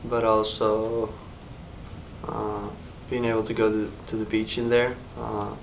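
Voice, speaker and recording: A man's voice: on the low side, completely flat delivery, unhurried, vocal fry, a little hiss or hum, low-quality recording. A young man from Mexico, a student answering interview questions, searching for his words with many "like" fillers. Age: young adult.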